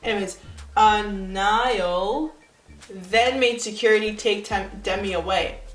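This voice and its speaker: A woman's voice: medium pitch, slow, echoey room, faint music behind, low-quality recording. A woman of nineteen reading her old story aloud and breaking off for sarcastic, self-mocking comments. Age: young adult. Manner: sarcastic, self-mocking asides between read passages.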